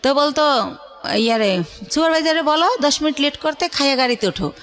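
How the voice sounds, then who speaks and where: Speaking fairly quickly with lively intonation, a middle-aged woman with a colloquial Bangladeshi accent shares her life story on the radio. Her high, slightly bright voice shifts into the words of others as she relates reported dialogue in a conversational way.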